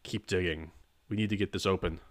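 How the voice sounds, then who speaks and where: A man doing a gravelly, cold crime boss. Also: sits low, close to an everyday voice. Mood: cold menace. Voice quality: gravelly, abrasive. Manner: calm, quiet, slow menace. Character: menacing male crime boss, cold and arrogant.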